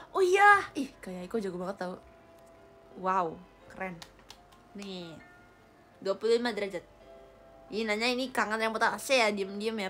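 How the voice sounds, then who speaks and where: A woman's voice: fairly high pitch, a bit bright. A young Indonesian woman chatting playfully on a livestream, giggling often as she reads comments. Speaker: idol live streamer. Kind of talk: casual chat reading viewer comments. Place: indoor room, air-conditioned. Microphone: phone or webcam livestream.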